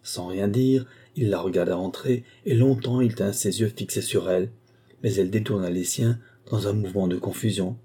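Man, audiobook narration, measured and dramatic, dark mellow tone. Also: lowish voice, husky. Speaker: audiobook reader. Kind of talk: scripted narration.

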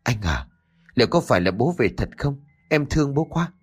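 A man's voice: mid-range voice, very animated, normal speed, husky, soft background music. A man voicing a frightened grieving young woman. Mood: pleading. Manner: hesitant, pleading.

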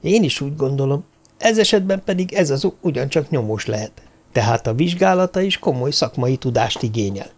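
A man voicing a composed, polite woman doctor in an audiobook, speaking in a persuasive, measured way. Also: mid-range voice, expressive. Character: calm, poised woman doctor. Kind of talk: audiobook character voice.

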